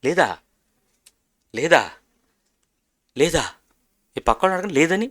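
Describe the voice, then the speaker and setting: A man's voice: a little high, animated, a little slow, fairly bright tone. A man preaching a sermon as pastor, emphatic and urging his congregation to repeat after him.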